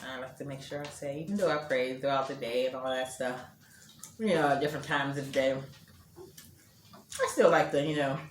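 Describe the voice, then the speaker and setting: A middle-aged woman vlogging a meal at home, chatting casually to viewers and murmuring as she chews. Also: deep voice. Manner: chatty, chewing and murmuring between sentences. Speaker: mukbang vlogger. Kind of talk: casual chat while eating. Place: indoors at home. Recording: echoey room with faint ambient noise.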